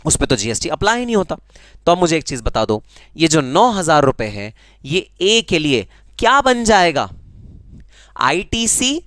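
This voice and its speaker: A man's voice: on the high side, a bit bright, dry recording. A man with an Indian accent teaching a live online tax class, teasing students and answering their comments in a conversational way. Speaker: GST teacher.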